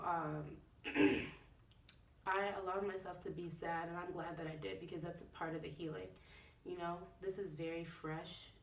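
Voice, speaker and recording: A young woman recording a personal video diary. She talks candidly and reflectively, with frequent fillers. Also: deep voice. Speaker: vlogger. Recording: echoey room, a bit far from mic.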